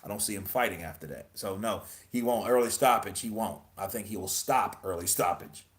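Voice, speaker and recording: A man with a lowish voice hosts casual boxing news commentary at a brisk pace. He is emphatic and profane, rattling off rhetorical questions.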